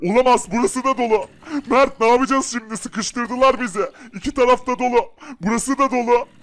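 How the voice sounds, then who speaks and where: A man, the channel host, playing a father who desperately searches for his wife and son among zombies, shouting and then whispering. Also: extremely high pitch, normal speed. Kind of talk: game story acting.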